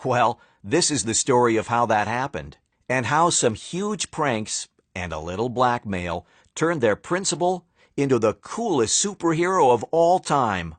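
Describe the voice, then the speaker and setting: A man narrating a children's storybook in a playful, animated way, with dramatic pauses. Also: medium pitch, dry recording.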